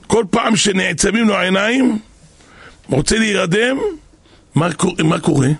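A man preaching a religious story in a dramatic way, acting out voices and breaking into shouts, with a very husky, gravelly voice. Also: high voice, faint music behind. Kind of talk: animated storytelling sermon.

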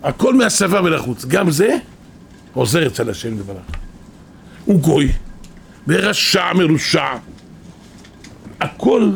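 A man preaching a sermon, telling stories animatedly and breaking into sudden shouts. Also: fairly high pitch, sing-song, vocal fry, pauses often, a little hiss or hum.

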